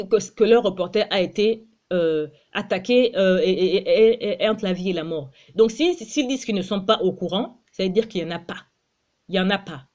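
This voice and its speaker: A woman's voice: mid-range voice, darkish tone. A woman from Gabon with a Gabonese accent, giving impassioned political commentary and often repeating and restarting her words.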